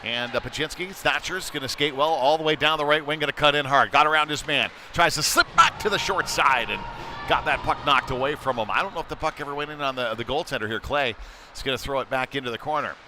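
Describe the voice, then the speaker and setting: A man delivers live commentary on a youth hockey game at an indoor rink, talking quickly in a medium-pitched voice. Between plays he sounds conversational and a bit hesitant, and there is noise in the background.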